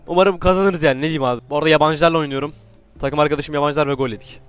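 A man giving casual, joking commentary while playing a game, with sudden excited outbursts and playful trash talk. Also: a little high, rapid-fire, clear, resonant tone, dry recording. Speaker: gaming YouTuber.

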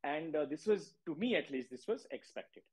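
An Indian-accented man with a fairly high, husky voice, talking as a podcast guest. He explains things in an emphatic, casual way and slips Hindi words into his English. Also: lively intonation, normal speed, darkish tone, low-quality recording. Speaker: podcast guest, market analyst.

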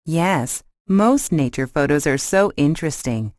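A woman's voice: deep voice, expressive, unhurried, darkish tone, no room sound, studio quality. A woman acting an agreeable, interested friend in a scripted language lesson dialogue, with careful short sentences.

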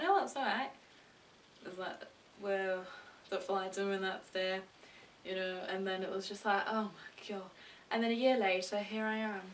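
A woman's voice: medium pitch, a little hiss or hum. Chatty teenage girl vlogging, a bit far off. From Britain. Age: teens. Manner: chatty, self-deprecating, bursts into excited squeals. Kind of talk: rambling casual chat to camera.

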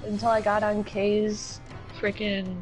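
A woman's voice: mid-range voice, completely flat delivery, slow, low-quality recording. A woman chatting and laughing with friends during an online game, easily startled. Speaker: online gamer in a group stream. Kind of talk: casual gaming chat. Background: game music.

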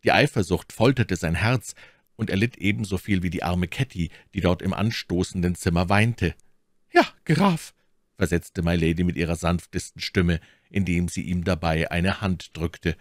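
A man reading a classic novel aloud in calm, measured audiobook narration. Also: deep voice, no echo, studio quality. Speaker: audiobook reader.

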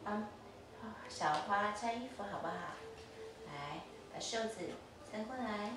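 A woman's voice: mid-range voice, expressive, measured pace, over music. A mother patiently coaching her toddler through play, repeating simple instructions over and over. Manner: patient, repetitive, gently instructive. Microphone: distant camera mic. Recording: echoey, distant, noisy home recording.

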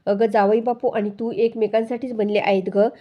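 A woman's voice: fairly high pitch, little pitch movement, moderate pace, lo-fi sound, close to an everyday voice. A woman voicing a teasing, affectionate mother who tries to match her daughter and son-in-law. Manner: teasing, affectionate, read out plainly.

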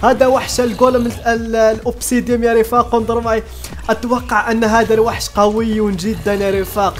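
A man giving excitable gameplay commentary as a YouTuber, often stopping and restarting his sentences. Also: very high voice, quick pace, faint music behind. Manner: excitable, many restarts and fillers. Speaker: gaming YouTuber.

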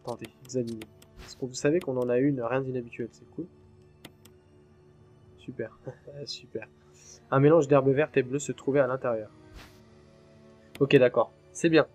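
A man's voice: medium pitch, steady tone, moderate pace, pauses often, a little mellow, soft background music. A man commenting on his own horror game playthrough in a chatty way, swearing freely and jumping at scares. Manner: chatty and jumpy, swears freely when startled. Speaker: gaming channel host. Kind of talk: let's play commentary.

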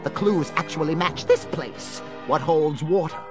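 A man's voice: on the high side, measured pace, close to an everyday voice. An actor playing a gleeful, taunting male supervillain in an audio drama, theatrical and gloating, full of puns. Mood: smug, scheming. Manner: theatrical, gloating, punning, cackling. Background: dramatic music.

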